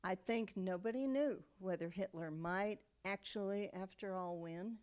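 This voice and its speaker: A woman's voice: medium pitch, measured pace, darkish tone, smooth. A woman, telling her family story in an oral history interview. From United States. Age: 70s. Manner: reflective storytelling with frequent um and okay.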